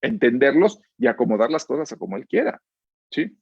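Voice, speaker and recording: Male psychologist, Mexico City accent, husky, earnest lecturer, frequent "¿sí?" check-ins, dull lo-fi call audio. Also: medium pitch, big pitch swings, brisk, no echo. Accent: Mexico City Spanish. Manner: keeps checking in with a questioning "¿sí?"; earnest, explanatory, uses fillers like "este". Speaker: psychologist giving a keynote lecture. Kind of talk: lecture with told anecdotes.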